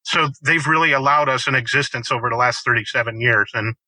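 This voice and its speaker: A middle-aged man speaks as a guest farmer in a conversational interview. His voice is very bright and forceful, and he punches his points with animated quoted lines. The sound is dry and close. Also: mid-range voice, brisk, no room sound, low-quality recording. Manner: storytelling, emphatic, animated quoting.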